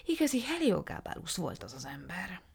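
A woman's voice: lowish voice, sing-song, creaky, breathy edge, voice pushed up, exaggerated voice. A woman voicing a fussy, theatrical little male art dealer who talks in a flowery, gushing way. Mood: confiding.

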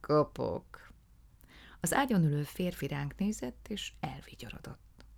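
Egy nő krimit olvas fel hangoskönyvként, mély, érdesen recsegő hangon. Gyakran suttogóra halkul, visszafogottan, feszesen meséli a történetet. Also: female voice, sits low, big pitch swings, gravelly. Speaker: audiobook narrator. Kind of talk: scripted narration of a crime story.

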